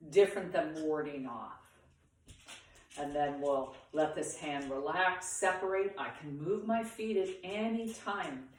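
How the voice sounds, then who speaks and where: A woman teaching a beginners' tai chi class, guiding movements in short, paused instructional phrases. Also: sits low. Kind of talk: guided movement lesson for beginners. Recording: very echoey room, far from the mic.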